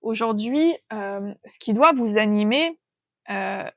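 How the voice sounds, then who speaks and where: A woman giving an intuitive tarot reading, thinking aloud in a gentle, hesitant way as she feels out the cards. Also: medium pitch, animated, takes it slowly, no echo. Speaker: tarot reader.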